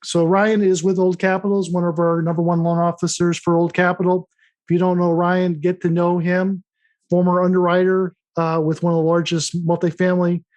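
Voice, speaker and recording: A man's voice: high voice, darkish tone. A man hosting a podcast, introducing guests and asking questions in a conversational way. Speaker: podcast host.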